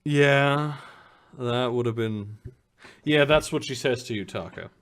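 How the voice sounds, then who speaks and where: A man's voice: medium pitch, takes it slowly, a bit bright, clean tone. A man acting as game master, improvising narration and dialogue for a tabletop role-playing game.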